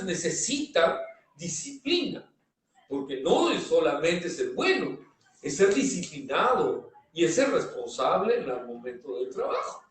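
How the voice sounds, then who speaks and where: A man instructs through a personal anecdote, quoting dialogue and asking rhetorical questions. His voice sits a little high. The mic is far off in a strongly echoing room. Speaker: course instructor. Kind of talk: storytelling lesson. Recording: echoey room, distant mic.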